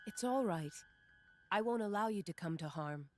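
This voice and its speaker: A woman's voice: mid-range voice, lively intonation, normal speed, soft background music, natural voice. A woman playing a defiant, protective heroine in a video game, firm and dramatic. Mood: resolute, protective. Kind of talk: video game cutscene acting.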